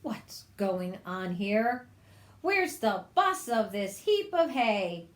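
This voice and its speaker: A woman's voice: big pitch swings, slow pace. A woman voicing a cranky, greedy female witch who shrieks demands and insults while reading a storybook aloud. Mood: demanding, shrill. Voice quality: shrill, screechy. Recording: echoey room.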